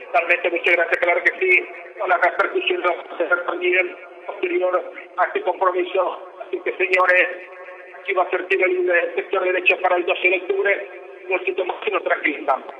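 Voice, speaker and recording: A Paraguayan man doing breakneck, excitable live radio football commentary, with drawn-out cries and repeated words. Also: high voice, highs cut off.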